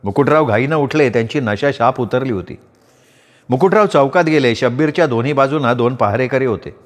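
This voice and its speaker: A man narrating a novel aloud as a storyteller, with an expressive, varied delivery. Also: mid-range voice, a little fast. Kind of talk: dramatic audiobook narration. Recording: long reverb.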